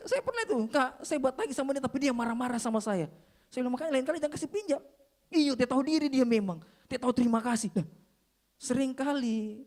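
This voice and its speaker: A man's voice: high voice, a little mellow. A male pastor preaching a sermon, telling stories and asking the congregation rhetorical questions.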